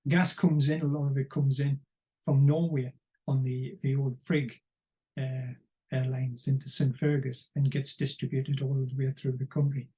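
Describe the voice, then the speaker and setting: A man giving unscripted political commentary, rambling and wry, often pausing to search for words. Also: medium pitch, little pitch movement, dark tone.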